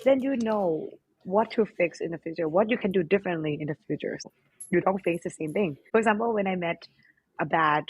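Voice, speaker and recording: Breathy young Thai woman chatting. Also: on the low side, brisk, no room sound, low-quality recording. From Thailand. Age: young adult. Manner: chatty, laughs often, many "like" fillers. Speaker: podcast co-host. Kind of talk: casual chat.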